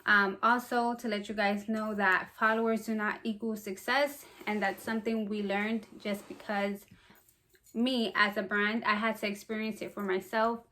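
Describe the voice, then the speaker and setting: A young woman who runs a small business, talking casually to camera in an upbeat, fast, slightly breathless way. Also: mid-range voice, level tone, bright, forceful tone. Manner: chatty and upbeat, talks fast. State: a bit out of breath. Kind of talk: casual vlog talk to camera.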